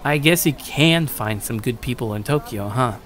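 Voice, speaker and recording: A young man, narrator and lead of an anime-style audio drama, plays a shy yet somewhat cocky gamer casually and cheerfully musing on his day. His mid-range voice is expressive, slightly bright, lightly acted, and moderately paced, a dry studio take over music with some chatter and slight noise behind.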